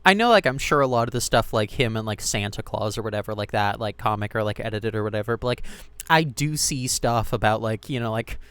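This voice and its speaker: A man's voice: on the low side, lively intonation, brisk, fairly bright tone, clear, resonant tone, dry recording. Streamer guy, casual chat, rambling, swears, dry close sound. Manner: rambling, heavy filler words, swears casually.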